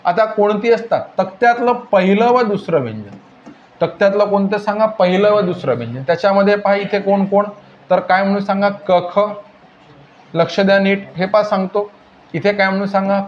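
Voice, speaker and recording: A man with a high voice teaches grammar to a classroom, repeatedly prompting the students to answer. The room sounds echoey. The recording is dull and lo-fi, with faint noise underneath. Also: moderate pace. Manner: drilling questions, repeatedly prompting "tell me". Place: classroom with a board.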